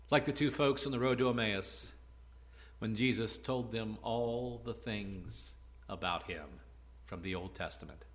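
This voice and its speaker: A man preaching a conversational sermon, retelling a Bible story with soft asides and loud, emphatic peaks. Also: lowish voice. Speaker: pastor.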